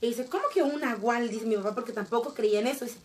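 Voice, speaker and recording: Young woman, high voice, chatty animated storyteller talking to viewers. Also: fast talker. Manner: animated, addresses viewers directly, frequent restarts and fillers. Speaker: vlogger telling a family story. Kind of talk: casual storytelling to camera.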